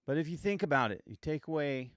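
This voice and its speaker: A man's voice: fairly high pitch, animated, fast, no echo, clean studio sound. A man in his fifties hosting a reflective motivational monologue, earnest and emphatic, repeating points and asking rhetorical questions. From United States. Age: 50s. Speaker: podcast host.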